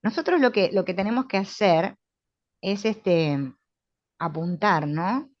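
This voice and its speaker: A middle-aged woman with a Rioplatense Spanish accent, calmly and confidently teaching a spiritual therapy class, often asking "right?". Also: mid-range voice, slow pace, no room sound. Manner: calm, assured, with frequent tag questions. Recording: dull, lo-fi sound.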